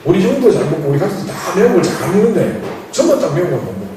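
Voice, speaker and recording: A man's voice: sits high, very fast, background noise. A man, a pastor telling playful stories in a sermon and acting out dialogue. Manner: animated, playful, acts out dialogue with laughs. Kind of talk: storytelling sermon. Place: church hall. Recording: echoey hall, mic from far off.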